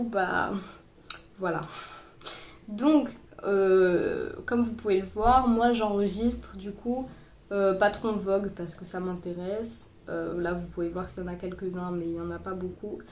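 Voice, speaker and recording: With a medium-pitched, darkish voice, a young woman walks through a sewing tutorial in a casual, filler-heavy way, often restarting and sounding a bit congested from a cold. The recording, made on her boyfriend's phone, is reverberant.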